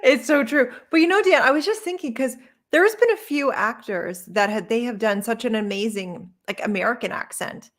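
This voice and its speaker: A woman's voice: a little high, a little fast, a bit bright. A woman co-hosting a casual podcast chat, talking in an emphatic, chatty way that sometimes trails off. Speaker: podcast co-host. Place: lives in Canada.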